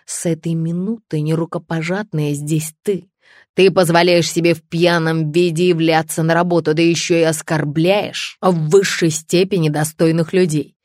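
A woman's voice: lowish voice, animated, moderate pace, no echo, studio quality. A woman reading an audiobook, voicing an older male chief editor who speaks with cold, stern command. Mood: cold fury. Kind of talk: audiobook character voice.

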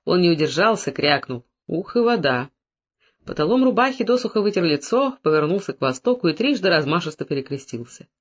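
A man narrating a novel in a measured, descriptive audiobook reading. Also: high voice, sing-song, muffled recording. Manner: measured, descriptive, plays every character.

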